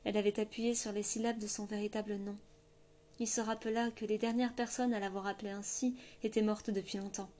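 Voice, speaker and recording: A woman narrating a fantasy novel in a steady, measured storytelling voice. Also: medium pitch. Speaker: audiobook narrator. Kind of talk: scripted narration.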